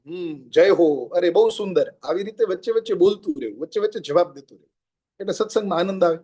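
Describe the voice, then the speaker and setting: A man with a high but mellow voice gives a devotional sermon. He tells a story and then explains a scripture verse line by line. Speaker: satsang discourse speaker.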